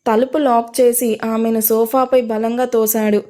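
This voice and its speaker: A woman tells a dramatic audio story in a steady storytelling voice that sits a little high for a woman. She reads the scenes straight and lifts her pitch whenever a character speaks. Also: a little slow. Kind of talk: scripted narration of an audio story.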